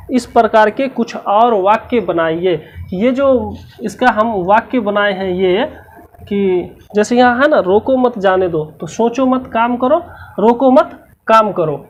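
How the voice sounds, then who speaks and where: Slow-speaking woman teacher explaining answers. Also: fairly high pitch. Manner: slow, step-by-step, repeats key words.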